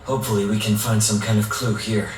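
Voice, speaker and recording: Earnest, lowish-voiced young man, acted by a man. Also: level tone, fast talker, a little hiss or hum, natural voice. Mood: easygoing. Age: young adult. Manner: sincere, resolute. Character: earnest, determined young man, protective brother. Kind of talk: video game voice acting. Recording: echoey, distant sound under music.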